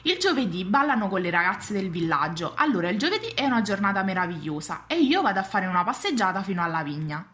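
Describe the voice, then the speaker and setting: A woman's voice: mid-range voice, very animated, fast talker, hardly any pauses, a bit bright. A woman voicing a wistful, lonely and wise female fox, talking earnestly in a storybook reading. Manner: earnest, pleading, reflective.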